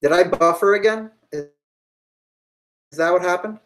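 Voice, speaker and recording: A woman's voice: lowish voice, normal speed, low-quality recording. A woman giving a live-streamed history lecture to online students, thinking aloud with fillers and asides.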